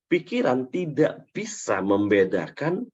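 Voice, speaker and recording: A man's voice: mid-range voice, takes it slowly, slightly rough. A man coaching a live class on self-talk, acting out little example dialogues and often asking the audience questions. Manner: lively, acts out short example dialogues; repeats and asks the audience questions. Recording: dull lo-fi sound.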